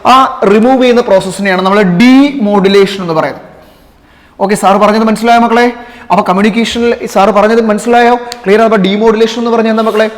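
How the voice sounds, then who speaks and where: A man's voice: high voice, fairly even intonation, brisk. A man teaching physics to students, asking questions and answering them himself, checking again and again that they understood and calling them children. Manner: addresses listeners affectionately as children. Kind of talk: classroom-style lecture to students. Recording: long reverberant room echo.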